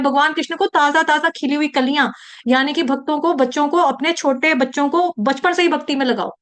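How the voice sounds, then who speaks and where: A woman leads a devotional scripture lesson in a high, bright-toned voice. She tells her points through lively stories, dropping in English sayings and acting out the characters as she goes. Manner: animated storytelling, acting out quoted voices. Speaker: Bhagavad Gita teacher. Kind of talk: devotional teaching talk.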